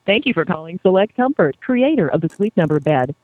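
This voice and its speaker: A woman reading recorded prompts as a phone menu voice, measured and formal in a customer-service manner. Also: lowish voice, big pitch swings, dry recording, highs cut off. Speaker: automated phone menu announcer.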